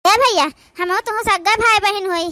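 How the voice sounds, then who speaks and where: A woman voicing a young village sister and sister-in-law in an Awadhi cartoon, speaking with an Awadhi accent in a soft, complaining village way. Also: extremely high pitch, moderate pace, dry recording, clean studio sound. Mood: curious. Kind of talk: cartoon voice acting.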